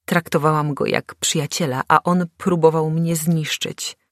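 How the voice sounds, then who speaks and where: A woman's voice: sits low, steady tone, a little slow, no echo, studio quality. A woman narrating a first-person audiobook in a tense, dramatic storytelling manner.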